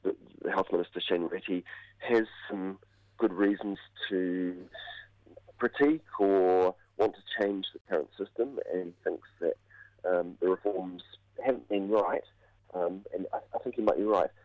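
A man, croaky from a cold, giving measured, halting analysis as a commentator in a radio interview. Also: deep voice, no echo. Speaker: political commentator, university academic. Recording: dull, band-limited radio audio.

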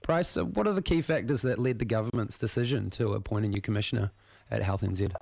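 A man with a croaky voice that starts creakily, hosting a casual live radio interview in a hesitant, informal way. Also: fairly low pitch, quick pace, a little mellow, no echo. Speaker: radio show host.

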